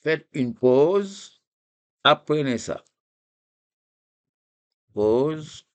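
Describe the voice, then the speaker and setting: A man teaching a recorded reading lesson, slowly repeating a memory phrase syllable by syllable for his students. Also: fairly high pitch, expressive. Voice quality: gravelly.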